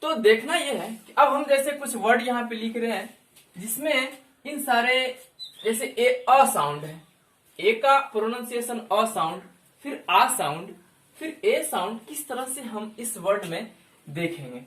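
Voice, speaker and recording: A man teaching a lesson as a YouTube teacher, repeating each word slowly and stretching it out to show the pronunciation. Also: extremely high pitch, expressive, a bit bright, echoey room. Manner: drawn-out, repeats words for pronunciation. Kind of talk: slow explanatory lesson.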